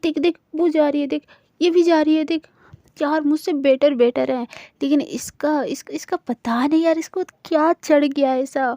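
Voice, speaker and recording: A woman's voice: high-pitched, warm tone, no echo, dull audio. A woman doing a whiny, begging young woman. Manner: whiny and begging, repeats please. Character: pleading, dramatic young woman, hates being pursued.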